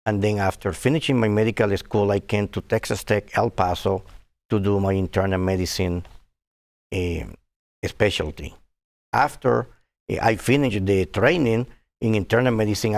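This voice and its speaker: A Cuban physician in his sixties appears as a guest in a TV interview, speaking earnestly but haltingly with many fillers. His pitch is fairly low.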